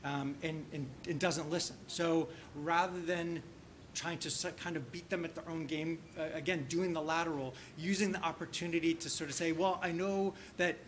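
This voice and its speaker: Man, workshop presenter, conference teaching talk, halting with many fillers, slightly high voice, faint background hiss. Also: steady tone. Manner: halting, heavy use of "you know" and restarts. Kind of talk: conference teaching session with case discussion.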